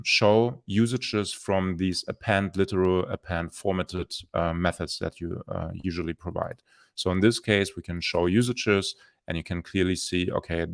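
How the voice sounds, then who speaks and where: A man presenting a software demo on a live stream, explaining features as he thinks aloud with many restarts and fillers. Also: low-pitched, vocal fry. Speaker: developer presenter.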